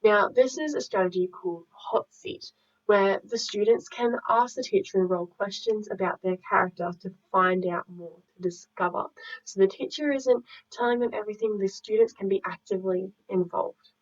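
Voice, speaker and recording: A woman explains a classroom drama lesson in a measured, scripted way, her voice at a middle pitch. The audio is muffled, and she sounds set back from the microphone. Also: far from the mic. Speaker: student teacher presenting a lesson. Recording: muffled audio, speaker away from mic.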